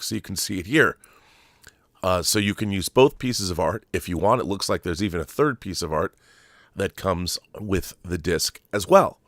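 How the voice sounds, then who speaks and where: The middle-aged host of a film commentary show gives an opinionated monologue to viewers about film collectibles, his pitch very lively and swinging. He's emphatic and deliberate, stressing key words, pausing pointedly, and repeating phrases. The sound is dry and close, with no echo.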